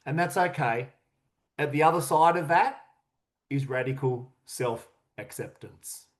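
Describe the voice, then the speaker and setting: Slow, emphatic man coaching on confidence. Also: mid-range voice. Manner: earnest, emphatic, repeats key questions. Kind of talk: motivational coaching talk.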